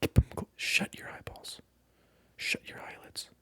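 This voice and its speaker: A whispered ASMR monologue comes from a creator positioned near the mic, teasing the viewer with repeated, mock-offended remarks. The pace is measured and the recording sounds dry.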